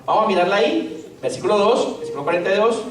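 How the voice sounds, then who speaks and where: A man's voice: high voice, expressive, quick pace. A man preaching a sermon as pastor, joking and telling stories with lots of rhetorical questions. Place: church hall. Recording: echoey church hall, distant mic, faint noise.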